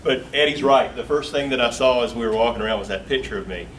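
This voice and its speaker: A Southern US man in his 40s from Augusta, Georgia, guest-speaks at a casual company talk, easygoing and joking with a folksy style and filler words. His medium-pitched voice is fast and a bit bright. A distant mic picks him up with faint room noise.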